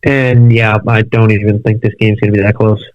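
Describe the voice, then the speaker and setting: Brief: young male co-host, matter-of-fact, mid-pitched, muffled dry remote line. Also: little pitch movement, brisk, dry recording. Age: young adult. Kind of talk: casual sports podcast chat.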